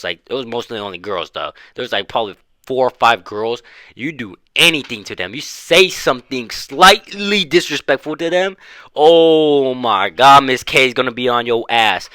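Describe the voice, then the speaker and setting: A man's voice: mid-range voice, pushed and bright, no room sound. Profane young man telling a storytime. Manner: slangy, profane, laughing while telling. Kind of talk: casual storytime vlog.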